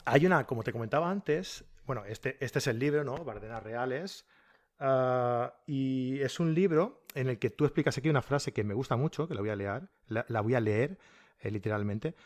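A man's voice: mid-range voice, moderate pace. A man hosting a podcast, interviewing a guest in a friendly, joking way. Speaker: podcast host. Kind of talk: casual interview.

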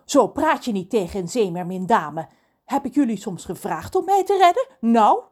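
A vain, bossy mermaid of 357 years who talks down to everyone around her, as a woman puts her on. She speaks high and lively, with plenty of swoop and push in her voice, like a character from a storybook. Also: moderate pace. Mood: haughty. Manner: haughty, commanding.

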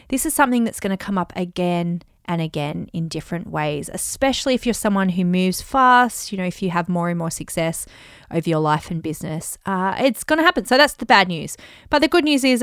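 A woman coaching listeners on business and money in a chatty, animated way, full of fillers and asides. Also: mid-range voice, clear, resonant tone, no echo, studio quality. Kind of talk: casual advice talk.

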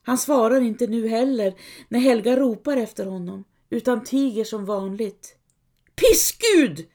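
A woman reading a dark folk tale aloud as narrator, in a measured, dramatic way. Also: fairly high pitch, steady tone. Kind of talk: scripted storytelling narration.

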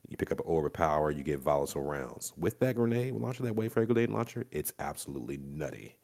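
A man in a casual gaming chat, explaining weapons with enthusiastic, drawn-out emphasis. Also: extremely low pitch, sing-song, gravelly, a little mellow.

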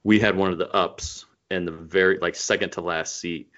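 A man's voice: deep voice, fairly even intonation, normal speed, fairly bright tone. A man in casual chat, laid-back and profane, swapping stories about games. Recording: dull lo-fi sound.

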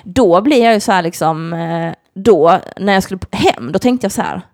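Young woman, podcast co-host, dry close-mic sound, lively storyteller who acts out every quote. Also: lowish voice, no room sound. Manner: animated, acts out quoted voices, lots of fillers. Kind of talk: casual storytelling chat.

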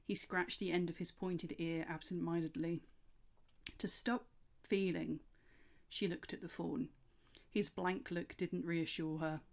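A woman reads a fantasy story aloud with a slightly low-pitched voice. Her narration is steady and expressive, and she paces it carefully. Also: moderate pace. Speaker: story reader.

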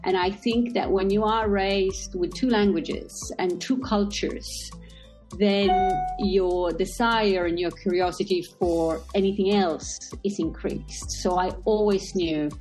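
A middle-aged woman from Italy talks through her story with care and reflection, her voice sitting on the low side. She speaks from a busy workplace, with faint music playing faintly behind her. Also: darkish tone. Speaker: guest, social enterprise CEO. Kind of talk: remote interview conversation.

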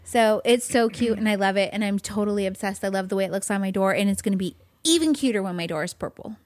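A woman's voice: mid-range voice, quick pace, darkish tone, dry recording. Woman, bubbly and gushing, casual co-host chat, emphatic repeats, mid-range voice, dry recording. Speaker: podcast co-host.

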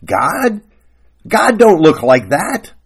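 A man's voice: fairly high pitch, big pitch swings, takes it slowly, dark tone, slightly rough, pitched above the performer's own voice, heavily acted. A man voicing a harsh, self-righteous, pious rural wife who scolds in coarse rural grammar, during a sermon story. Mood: scornful.

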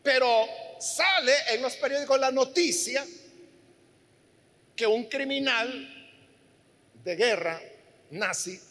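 High-voiced forceful male preacher. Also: slow, long pauses, long reverb tail. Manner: earnest storytelling, addressing listeners directly. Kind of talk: sermon.

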